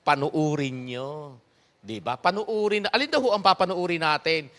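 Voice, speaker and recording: Chuckling man preaching, a bit high-voiced. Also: brisk. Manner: animated, chuckling, rhetorical asides to the congregation. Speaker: pastor. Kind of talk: conversational sermon.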